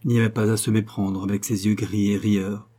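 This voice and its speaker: Guy reading an audiobook, dark mellow voice, kinda husky, steady pace. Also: lowish voice, fairly quick. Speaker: audiobook reader. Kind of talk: scripted narration.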